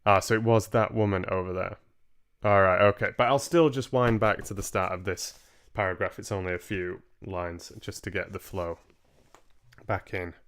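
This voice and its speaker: A man in his twenties hosts a live-streamed book reading from a small room at home, chatting casually between passages. His voice is deep and a bit bright, with a steady tone at normal speed.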